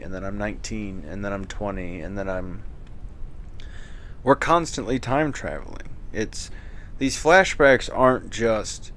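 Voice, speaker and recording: A man's voice: lowish voice, slight background noise. A man hosting a casual late-night chat, rambling and joking with a profane, loose way of talking.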